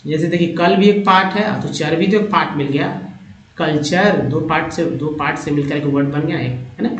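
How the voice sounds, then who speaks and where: A man teaching English pronunciation from slides, patiently repeating and sounding out words slowly, often checking with his viewers. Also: fairly high pitch. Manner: addresses viewers as friends, checks with "है ना". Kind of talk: slide-based language lesson. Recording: echoey room, dull lo-fi sound, faint hiss.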